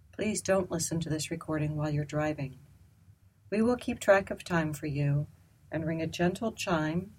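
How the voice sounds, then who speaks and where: A woman leading a guided loving-kindness meditation, speaking slowly, softly and gently. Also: deep voice, slightly rough, poor audio. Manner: slow, soft, calm and gentle.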